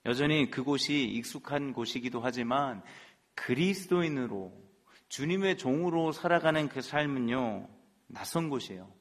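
Male pastor, earnest sermon delivery, mid-pitched voice, long reverb of a big sanctuary. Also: lively intonation, moderate pace. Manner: earnest, addresses the congregation directly. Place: church sanctuary. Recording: long reverb in a large hall, with faint music.

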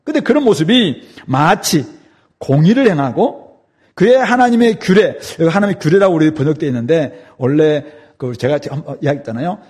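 Husky, animated male preacher. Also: a little high, normal speed. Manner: emphatic, dramatic preaching with rhetorical questions. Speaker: pastor. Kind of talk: expository sermon.

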